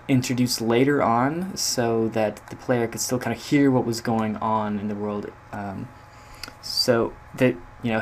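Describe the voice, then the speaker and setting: A game audio designer walks through a demo of his own project informally, hesitating as though thinking aloud. His voice is medium-pitched, and there's a little hiss or hum in the recording.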